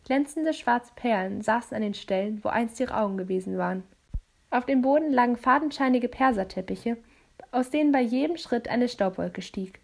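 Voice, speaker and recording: A woman reading a novel aloud as an audiobook, narrating in a calm, even way. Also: fairly high pitch, normal speed, creaky. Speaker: audiobook reader. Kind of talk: storybook narration.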